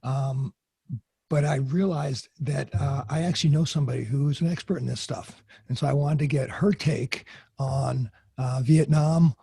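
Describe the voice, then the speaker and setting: Gravelly, husky-voiced male podcast host. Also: a little high, mellow, dry recording, clean studio sound. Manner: loose and chatty, with fillers and restarts. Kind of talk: casual interview hosting.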